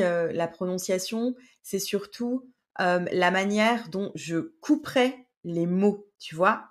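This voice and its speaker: A woman's voice: mid-range voice, a little mellow. A woman hosting a language-lesson podcast, talking straight to the listener in a patient way with many hesitations. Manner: speaks directly to the learner. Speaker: French teacher and podcast host.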